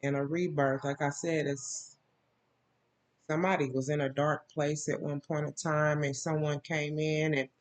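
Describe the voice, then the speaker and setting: With little pitch movement and a moderate pace, this woman offers a relaxed tarot reading. She wanders from point to point, filling gaps with fillers, and now and then breaks into laughter or mimics someone in a high voice.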